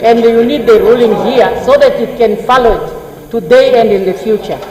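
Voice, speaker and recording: A man, a member of parliament, raising a halting, pleading objection. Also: extremely high pitch, crowd noise. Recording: distant mic in echoey chamber, members murmuring.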